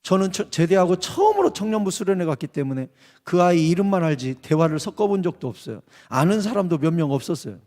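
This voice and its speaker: A man's voice: fairly high pitch, a little mellow. A middle-aged man preaching at a revival meeting. He preaches emphatically and dramatically and acts out the voices he quotes. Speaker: pastor. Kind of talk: revival sermon. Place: church sanctuary. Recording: reverberant church hall.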